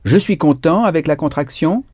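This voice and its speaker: A man's voice: on the high side, expressive, moderate pace, darkish tone, breathy edge. A man teaching a recorded language lesson, patiently repeating words and spelling them out letter by letter.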